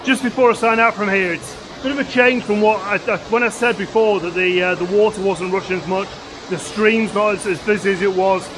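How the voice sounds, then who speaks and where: Outdoors in a wooded glen, a British man in his forties who photographs landscapes talks into a handheld camera at arm's length, rambling casually with plenty of fillers and restarts. He speaks fairly quickly in a high voice with fairly even intonation, against a noisy background and music.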